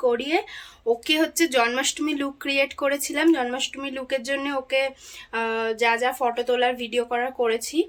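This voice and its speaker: A woman's voice: high-pitched, a bit bright, no echo. A young woman with a Bengali accent, chatting casually through a daily vlog, filling her talk with "so". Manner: chatty, filler-heavy, keeps saying "so". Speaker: vlogger. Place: home and outdoors on streets and by the river.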